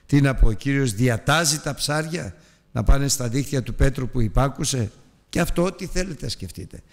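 A male preacher delivering a sermon, telling the story lively and acting out the voices of people in it. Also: mid-range voice, long reverb tail. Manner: animated storytelling, acting out dialogue in a raised voice. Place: church.

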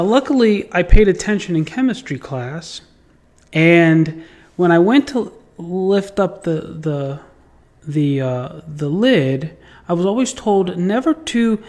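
A man's voice: high-pitched, unhurried. A man telling a personal story in a casual monologue, acting out voices and sound effects and swearing freely. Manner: swears freely, repeats words when excited. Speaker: podcast host.

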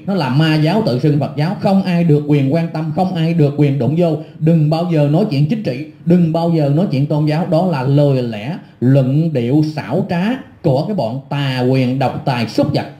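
A man's voice: on the high side, warm tone, reverberant. A middle-aged man delivering an angry, scornful rant full of insults and repetition. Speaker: online commentator. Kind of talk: angry ranting monologue.

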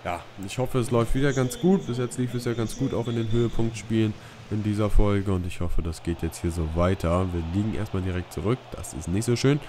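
A gaming YouTuber with a fairly low voice does casual let's-play commentary on a football video game, talking briskly over a noisy background. He reads the menu options aloud and reacts loosely as he goes.

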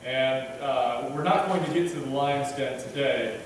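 A thirty-something preacher speaks from the pulpit in a mid-range, unhurried voice. His sermon feels relaxed and conversational, self-deprecating, with lots of fillers and restarts and an occasional stumble. The sound is echoey, taken from the pulpit microphone by a distant camera, with slight background noise.

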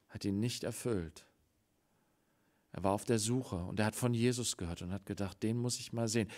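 A man preaching a Sunday sermon in a church, swinging between loud exclamations and hushed, quiet passages, and acting out the voices of the story he tells. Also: on the low side. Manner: acts out quoted voices in the story.

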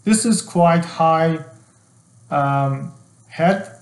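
A middle-aged man teaching an engineering software tutorial, explaining step by step with fillers and restarts. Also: on the high side, drawn-out words, roomy sound. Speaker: HVAC design instructor. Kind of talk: screen-share software tutorial.

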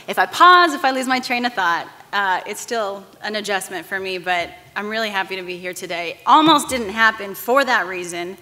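A woman in her thirties giving a commencement address from a podium, candid and halting, with restarts and fillers. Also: medium pitch, sharp tone. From Texas-Mexico border region. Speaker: commencement speaker, news anchor. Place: large auditorium stage. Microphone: podium microphones. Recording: long hall reverb.

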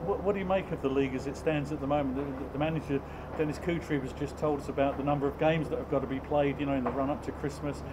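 A man's voice: a little high, fairly even intonation, quick pace, few pauses. A man playing a chatty stadium reporter. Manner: chatty, stumbling restarts. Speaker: club TV reporter. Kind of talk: post-match interview questions. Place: stadium stands, outdoors. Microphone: handheld mic, off-camera. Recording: outdoor audio with clear background noise.

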